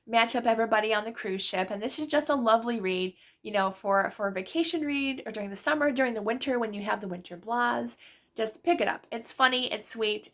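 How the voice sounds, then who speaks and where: Chatty woman with a gravelly edge. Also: fairly high pitch, a bit bright. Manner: chatty and gushing, with frequent fillers like "like" and "literally". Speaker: book vlogger. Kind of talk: casual book review chat.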